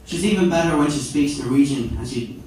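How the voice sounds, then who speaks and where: A man's voice: medium pitch, brisk, a little mellow. A man with an Irish accent performing stand-up comedy at a live show and laughing at his own jokes. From Ireland. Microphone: far camera. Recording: distant echoey noisy camera audio.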